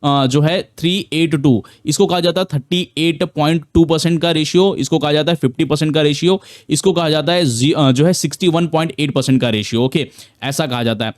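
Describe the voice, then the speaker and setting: A man's voice: on the high side, brisk, no echo, studio quality. A man giving a casual, repetitive screen-share trading tutorial, full of fillers and restarts. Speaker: trading educator.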